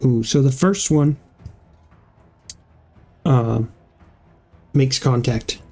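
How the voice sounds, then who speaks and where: Slow, mellow-voiced male game master. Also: mid-range voice, soft background music. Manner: halting, with many fillers and restarts. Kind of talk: narrating a tabletop game.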